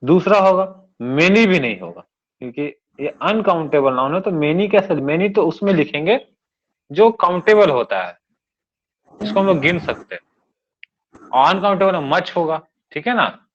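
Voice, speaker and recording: A man's voice: high voice, animated, moderate pace. A male teacher giving a classroom grammar lesson, explaining step by step and often checking that his students follow. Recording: dull lo-fi recording.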